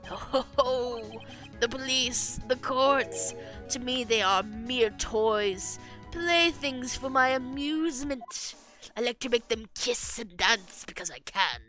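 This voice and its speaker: A woman voicing a pompous, flamboyant male company boss who drawls slowly and grandly and mangles big words. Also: a little high, bright, forceful tone, faint music behind, voice pushed up. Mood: grandiose.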